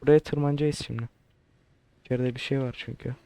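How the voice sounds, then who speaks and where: A man's voice: mid-range voice, fairly even intonation, fairly quick, vocal fry, warm tone, clean tone. A man giving crude, joking let's play commentary, swearing often and sounding baffled by what he plays. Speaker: gamer.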